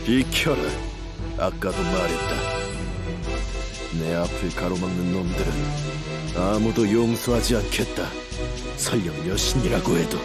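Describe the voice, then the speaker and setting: An actor playing a proud, defiant human mage in a fantasy game, with an intense, dramatic delivery. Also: male voice, low-pitched, measured pace, long pauses, loud music behind the voice. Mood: defiant, angry. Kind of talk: scripted fantasy game voice acting.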